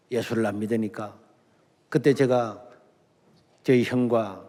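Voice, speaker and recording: Emotional pastor with a hall echo. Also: male voice, mid-range voice. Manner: dramatic storytelling, acting out quoted voices, swinging between hushed and loud. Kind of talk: revival sermon with personal testimony. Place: large church sanctuary. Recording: long hall reverb in a large church.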